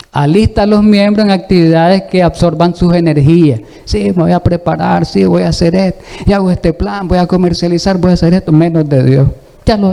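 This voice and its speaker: A man's voice: sits high, creaky, dark tone. A man preaching a sermon, exhorting the congregation and asking it rhetorical questions.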